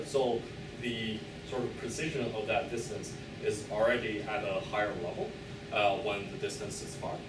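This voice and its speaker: A man with a slightly low voice delivers a thesis defense talk. He is halting and hedging, often pausing to fill gaps as he searches for the next phrase. The recording is roomy and echoing, with clear noise behind him. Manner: hesitant, hedging, halting delivery with many filled pauses. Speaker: PhD candidate presenting a thesis defense. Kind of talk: academic presentation, loosely scripted. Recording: echoey room, distant mic, clear background noise.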